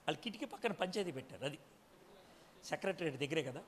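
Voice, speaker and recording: A man's voice: fairly high pitch, lively intonation, fast, big-room sound, slight background noise. A man preaching a sermon, quizzing his congregation with frequent direct questions.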